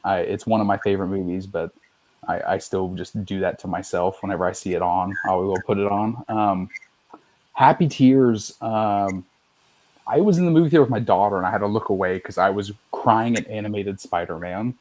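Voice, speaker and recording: A man's voice: on the low side, brisk, a little mellow. A middle-aged man hosting a podcast, chatting casually in a loose, rambling way and swearing freely. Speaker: podcast host. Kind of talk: casual chat.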